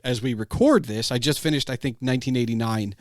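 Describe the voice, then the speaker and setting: A middle-aged podcast host talks fast in a mid-range voice, captured in a dry, clean studio recording. His casual conversation rambles and digresses, often abandoning one clause to start another.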